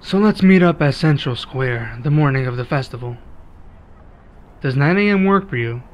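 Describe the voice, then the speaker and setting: This one-sided ASMR roleplay features a man as a laid-back werewolf local, friendly and casual, pausing in a measured way. His mid-range voice has lively intonation, though the recording sounds muffled.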